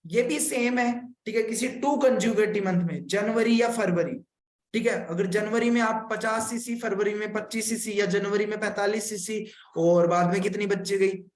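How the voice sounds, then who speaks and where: High-voiced man explaining in an echoey room. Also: moderate pace. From India. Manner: repeats points, keeps saying "okay" and checks on viewers. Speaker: business consultant teaching a marketing plan. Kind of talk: live-streamed explanation to viewers.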